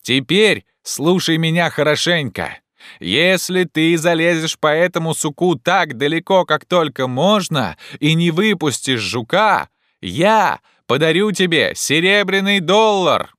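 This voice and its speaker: A man voicing an excitable, feverish gentleman who shouts with loud urgency. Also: on the high side, unhurried, dry recording, clean studio sound, voice pushed up. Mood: agitated shouting.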